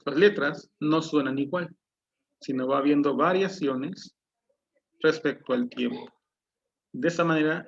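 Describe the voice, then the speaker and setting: Male teacher, fairly high voice, lecturing online through a dull, lo-fi computer mic. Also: gravelly. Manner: explanatory, asks the class questions. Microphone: low-quality computer mic.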